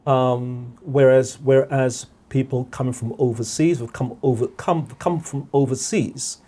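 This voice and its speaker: Speaking as a podcast guest, a middle-aged man from Guyana reflects thoughtfully in a measured style, repeating words and frequently asking "all right?". His voice is medium in pitch, dark and slightly rough, with fairly even intonation.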